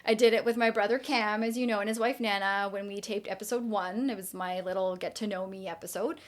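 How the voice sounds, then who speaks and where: Woman in her 40s hosting a podcast, normal pitch, just talking casually. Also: fairly even intonation, brisk. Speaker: podcast host.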